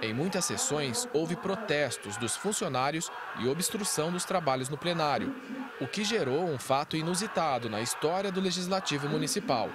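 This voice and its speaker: Male reporter outdoors, slightly high voice. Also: lively intonation, noisy background. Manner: measured, formal reporting. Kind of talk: news report narration. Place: outdoors in front of city hall. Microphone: handheld microphone.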